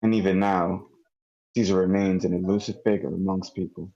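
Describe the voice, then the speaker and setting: A well-spoken male narrator in his late thirties, read by a man at a table read, telling events in a measured, formal tone. His voice is very low and dark, with a husky grain. It comes through dull, lo-fi online call audio. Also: steady tone. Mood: solemn. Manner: measured, formal documentary-style delivery. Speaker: volunteer reader at a script table read. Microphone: computer mic in an online meeting.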